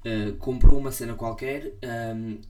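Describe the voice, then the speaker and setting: A man's voice: mid-range voice, steady tone, a little slow, a little mellow. A young man with a European Portuguese accent, defending himself and ranting in a casual podcast chat. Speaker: podcast co-host.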